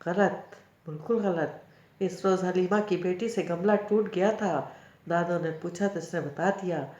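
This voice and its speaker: A woman's voice: on the low side, unhurried, darkish tone, lightly acted. A woman reading the part of a stubborn, outspoken little girl who argues back. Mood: arguing. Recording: roomy, dull lo-fi recording.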